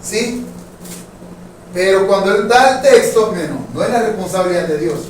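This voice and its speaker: A man's voice: high-pitched, lively intonation, moderate pace. A man teaching a Bible class at church, talking conversationally to his listeners, calling them brothers and checking that they follow. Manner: conversational, addresses listeners as brothers, asks for agreement often. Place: church hall. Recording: very echoey hall, distant mic, faint noise.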